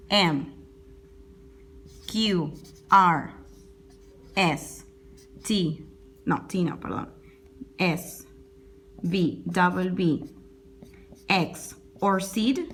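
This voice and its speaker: A woman teaches an English pronunciation lesson at an unhurried pace. She repeats words carefully and keeps checking in with her students. A faint hiss sits under her voice. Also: mid-range voice, a bit bright. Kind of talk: classroom lesson explaining pronunciation.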